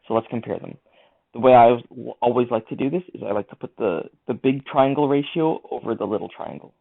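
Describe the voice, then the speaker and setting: A man's voice: medium pitch, brisk, creaky. A man teaching a math lesson, talking through each step of the working aloud. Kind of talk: screen-recorded lesson walkthrough. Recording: tinny lo-fi mic.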